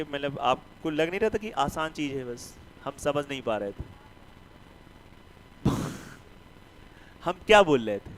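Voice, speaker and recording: Male math teacher in a classroom, fairly high voice, smooth and resonant, teasing and scolding, lots of rhetorical questions. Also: rough recording. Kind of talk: classroom lecture.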